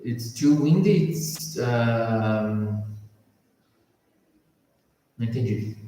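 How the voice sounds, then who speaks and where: A man's voice: mid-range voice, lively intonation, drawn-out words, dark tone. A man with a Brazilian Portuguese accent teaching English one-on-one. He explains patiently and keeps checking that his student understands. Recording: echoey room, mic at a distance.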